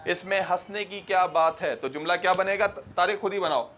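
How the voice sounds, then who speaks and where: A man's voice: high voice, a bit bright, a little hiss or hum. A man with a Pakistani accent teaching English grammar in a classroom, quizzing students and switching between Urdu and English. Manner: slows and stretches English example sentences.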